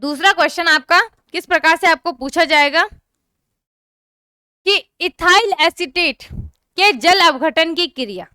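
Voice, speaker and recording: A young woman gives an online chemistry lesson, her voice very high and bright, animated yet unhurried, with frequent pauses. She keeps making sure students follow and asks for their comments, and the sound is close, dry, and echo-free.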